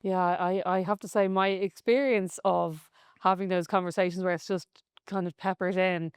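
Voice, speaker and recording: A woman hosting a podcast conversation about faith, speaking in a measured, reflective way. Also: fairly low pitch, steady tone, clean tone, no echo, studio quality. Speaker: podcast host.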